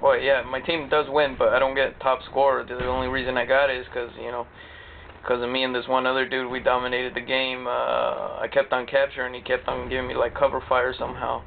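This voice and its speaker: Groggy, gravelly young man rambling. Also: mid-range voice, monotone, brisk. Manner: rambling, profane, drowsy. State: just woken up. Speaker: gaming commentator. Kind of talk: casual game commentary. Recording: tinny lo-fi capture with noise.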